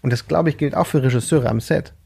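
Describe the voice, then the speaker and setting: A man's voice: mid-range voice, quick pace, creaky, a little mellow, slightly rough. A man in a casual podcast conversation, talking earnestly and explaining at length. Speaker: podcast guest. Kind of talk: casual chat.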